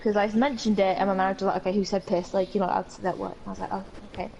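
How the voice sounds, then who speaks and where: Co-hosting a podcast, a young woman from the UK with a British accent rattles off rambling stories in casual, sometimes sweary chat. Her mid-range voice is level, rapid-fire, gravelly and a little mellow, on a muffled recording with slight hiss or hum.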